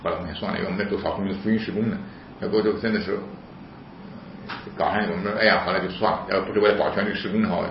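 A man with a fairly low voice tells a story at a fast clip, stumbling over restarts and repeated words. His voice leaps up high and loud when he gets worked up. The recording sounds roomy and a little dull. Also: slight background noise. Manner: animated, voice jumps high and loud when retelling anger. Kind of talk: casual spoken storytelling.

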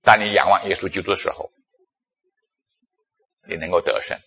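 A man preaching a sermon, telling stories from his own life and acting out his past self in animated bursts. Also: low-pitched, normal speed, husky, dull audio. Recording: long echo of a large hall.

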